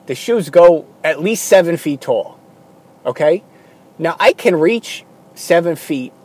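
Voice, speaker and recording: A man delivering a rambling, self-deprecating comic monologue, jumping between loud bits and low mumbled asides. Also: animated, slow pace, breathy edge.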